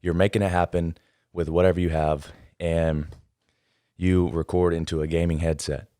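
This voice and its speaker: A man hosting a casual podcast interview in a studio, energetic and encouraging, talking in quick bursts. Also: low voice, no room sound. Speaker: podcast host. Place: podcast studio, in person with guest. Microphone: studio microphone.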